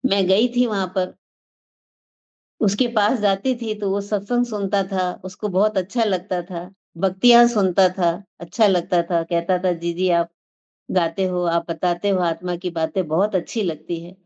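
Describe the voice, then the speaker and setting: A woman's voice: mid-range voice, fairly even intonation, measured pace, a little mellow. Woman giving an earnest spiritual talk. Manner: earnest, repetitive teaching cadence. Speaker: religious class teacher. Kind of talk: spiritual discourse. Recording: dull lo-fi sound.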